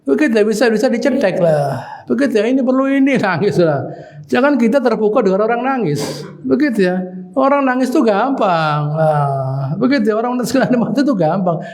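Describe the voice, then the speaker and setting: A man's voice: sits high, darkish tone. A man gives a weekly Quran commentary sermon in a small prayer hall. He talks conversationally, keeps returning to the same short tag phrase, and chuckles now and then as he teaches. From Indonesia. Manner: conversational, repeats "begitu ya", chuckles while teaching.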